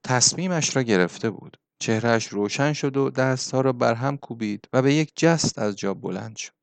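Man narrating a novel, smooth and dry. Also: mid-range voice, no echo. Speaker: audiobook narrator.

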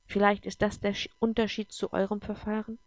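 Brief: patient explaining man, read by a woman, gravelly, dry close sound. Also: mid-range voice, flat delivery, fairly quick, no room sound, voice pushed up, lightly acted. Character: calm adult man explaining his world.

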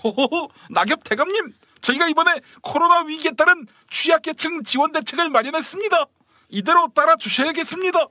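A smug, cheeky finance minister, as put on by a man talks down to his superiors in a high, sing-song voice. The tone is bright and pointed, and the pitch jumps all over, suited to a satirical period-drama parody. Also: animated, brisk, no room sound, clean studio sound, heavily acted. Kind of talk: satirical Joseon-era costume parody.

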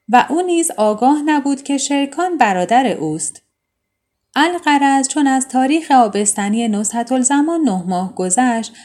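Woman narrator reading old prose, measured and formal, high and soft-toned. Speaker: storyteller. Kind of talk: reading a classical tale aloud.

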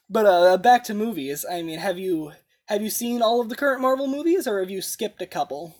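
A young woman with an American accent hosts a relaxed podcast conversation at a medium pitch. She talks in a laid-back way, laughs often and swears casually. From South Florida, USA. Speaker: podcast host. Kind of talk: casual chat.

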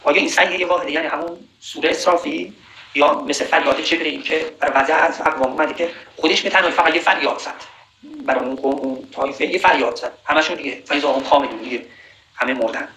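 A man giving a sermon on Quranic verses, slowly reciting Arabic verses and then explaining them in a conversational way. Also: on the high side, pushed and bright, roomy sound, slight background noise, poor audio. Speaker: preacher.

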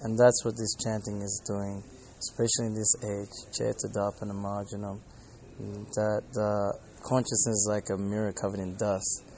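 A man with a fairly low, creaky voice talks casually, as if recording a personal podcast. He is earnest and rambling, with faint ambient noise behind him. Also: little pitch movement, normal speed, a little mellow. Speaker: podcast host and Hare Krishna devotee. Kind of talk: casual spoken storytelling and reflection. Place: airport departure gate area. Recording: faint airport background noise.

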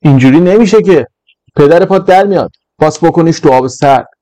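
A man's voice: dark tone, dry recording, lightly acted. Man doing a scared cheeky schoolboy. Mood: whiny, anxious. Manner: slangy, pleading, voice pushed high.

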